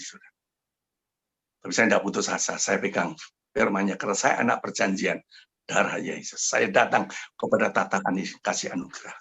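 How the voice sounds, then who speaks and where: Older pastor guy preaching, husky gravelly voice, gets real fervent. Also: lowish voice. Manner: fervent, swings from hushed to shouted prayer. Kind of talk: sermon with personal testimony.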